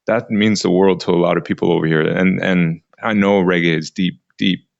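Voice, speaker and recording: A man's voice: deep voice, steady tone, normal speed, creaky, no room sound, dull audio. A man being interviewed as a DJ guest, talking in a friendly way and often repeating words as he starts a sentence. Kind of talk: casual live interview. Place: Hong Kong.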